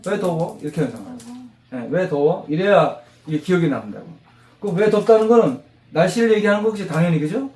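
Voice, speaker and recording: A man teaching English vocabulary to a class of mothers, animated, quizzing them and drilling repetition. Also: sits high, fast talker. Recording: roomy classroom echo.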